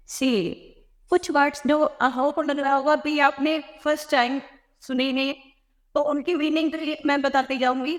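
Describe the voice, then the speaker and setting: A high-pitched woman with an Indian accent gives a patient classroom-style lesson. She says each rule slowly and repeats it. Her voice rings with a long room reverb. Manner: explains slowly, repeats phrases, mixes in English words. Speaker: English teacher.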